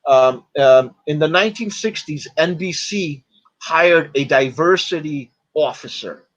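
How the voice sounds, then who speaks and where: A man chatting as a podcast guest, retelling stories in a halting way, full of fillers and restarts. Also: fairly high pitch, a bit bright, dull audio. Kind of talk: casual podcast chat.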